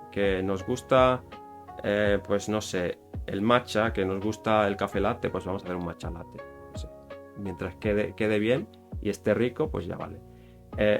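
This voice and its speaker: A man with a Spain Spanish accent talks through a topic in a loose, chatty way, often stopping to correct himself. His voice sits on the lower side, and soft guitar music plays faintly behind him. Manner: rambling, with many fillers and self-corrections. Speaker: YouTuber explaining Japanese culture. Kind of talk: casual explanatory talk.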